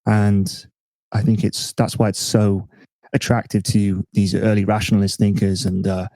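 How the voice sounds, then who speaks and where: A man hosting a casual podcast chat, relaxed and self-mocking, thinking aloud with restarts. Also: on the low side, normal speed, no room sound. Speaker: podcast host.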